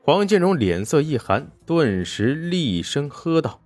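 A man reading a story aloud as narrator, in a dramatic, expressive way. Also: a little high, unhurried, no room sound, soft background music.

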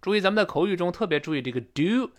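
A man teaching English pronunciation in a recorded lesson, explaining and modeling phrases slowly and repeatedly. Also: high-pitched. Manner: explains in a lively, rising-and-falling teacherly voice.

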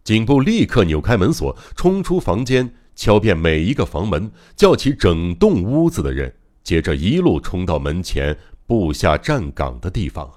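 A man's voice: deep voice, very animated, normal speed, hardly any pauses, a little mellow. A man narrating a mystery novel as an audiobook, in a dramatic, suspenseful reading. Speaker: audiobook reader.

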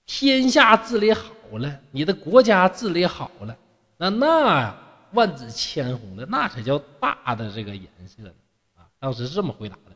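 A chatty male storyteller who explains a classical tale in everyday speech, posing questions and answering them himself. His fairly high voice moves up and down with lively pitch. The recording carries a long, ringing reverb. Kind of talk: colloquial storytelling with commentary.

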